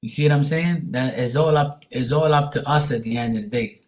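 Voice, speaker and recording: A man's voice: mid-range voice, a little fast, darkish tone. A man hosting a casual livestream chat, talking informally to viewers and giving them encouraging advice. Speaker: psychic reader and livestream host.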